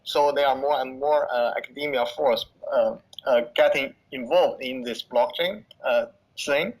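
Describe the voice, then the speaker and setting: A man being interviewed over a call, speaking English as a second language, halting often and restarting his sentences with many fillers. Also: mid-range voice, low-quality recording. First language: not English. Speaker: guest. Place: in the Netherlands.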